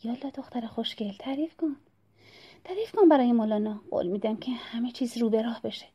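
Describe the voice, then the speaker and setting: A woman voicing the gentle ghost of a young woman in a whispered role-play, coaxing softly. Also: on the high side, husky. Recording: dull lo-fi recording.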